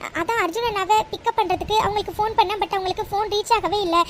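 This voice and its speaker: A woman's voice: very high-pitched, steady tone, quick pace, a little hiss or hum. A woman voicing an anxious young woman stranded at a bus stop, pleading for help in a cartoon. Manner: pleading, worried. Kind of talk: cartoon voice acting.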